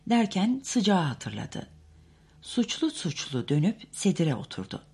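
Husky, low-voiced woman narrator. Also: dark tone. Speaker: audiobook narrator. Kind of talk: literary audiobook narration.

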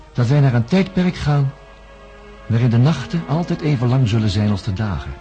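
An actor voices a thoughtful man who studies the human mind, narrating events in a radio play. His lowish, warm voice sounds solemn and contemplative, broken up by dramatic pauses.

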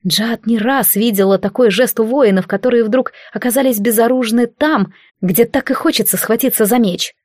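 A woman narrating an audiobook in an even, measured reading. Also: on the high side, dry recording, studio quality. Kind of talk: scripted narration.

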